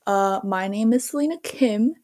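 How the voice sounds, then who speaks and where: A woman's voice: medium pitch, moderate pace, darkish tone. A teenage girl from Korea hosting her own podcast, talking casually with many fillers and small laughs. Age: teens. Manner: chatty, lots of fillers like "um" and "like". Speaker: podcast host. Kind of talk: casual solo podcast monologue.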